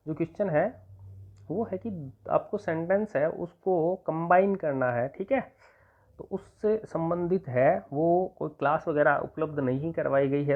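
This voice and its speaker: Patient male tutor from Rajasthan, repeats everything, dictates slowly, phone-quality sound. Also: on the high side. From Rajasthan, India. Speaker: teacher. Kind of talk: exam-prep grammar lesson.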